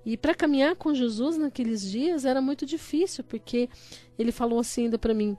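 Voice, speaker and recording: A woman's voice: high-pitched, a little fast, dark tone. A woman giving an earnest personal religious testimony and acting out her own prayers as she tells it.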